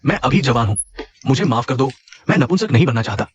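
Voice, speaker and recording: A man's voice: medium pitch, expressive, fast, dull audio, slight background noise, close to an everyday voice. A young man dubbing a petulant son who pleads and complains. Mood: pleading. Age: young adult. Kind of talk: dubbed drama acting.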